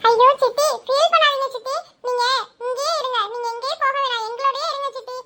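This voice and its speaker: A woman's voice: very high-pitched, fairly even intonation, fast talker, sharp tone. A woman doing chatty cartoon daughter. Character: young daughter Sathya, chatty and affectionate.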